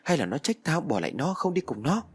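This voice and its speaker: A man's voice: on the high side, sing-song, quick pace, voice pushed up. A man voicing a frightened, trembling teenage boy who insists he is being haunted, in a spoken ghost story.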